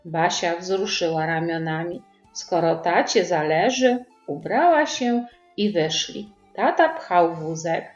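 A woman narrating a children's storybook in an expressive, sing-song way. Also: fairly low pitch, takes it slowly, echoey room, lo-fi sound, faint music behind.

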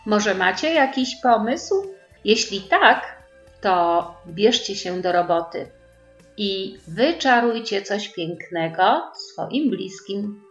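Woman reading a kids' bedtime story slow, lively voice, roomy dull recording with faint music. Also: mid-range voice. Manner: gentle, addresses listeners as kids. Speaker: storyteller for children. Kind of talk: reading a children's story aloud.

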